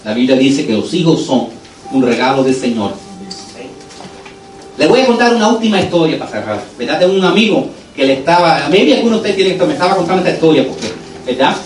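A pastor preaching a sermon in church, earnest and turning lively when he tells a story, with English words dropped in. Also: on the high side, fast talker, distant mic, slight background noise. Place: church sanctuary. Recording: echoey church hall, voice from afar, music under it.

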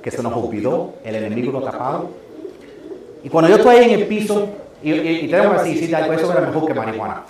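A man preaching as pastor, telling a personal story in an animated way and laughing often. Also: fairly high pitch, fast talker, very echoey, slight background noise. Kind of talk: sermon testimony. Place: church sanctuary.

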